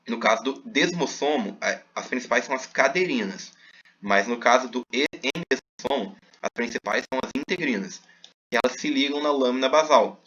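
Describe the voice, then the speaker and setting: A man's voice: medium pitch, fairly bright tone, lo-fi sound. A man teaching a recorded class, explaining step by step with many fillers.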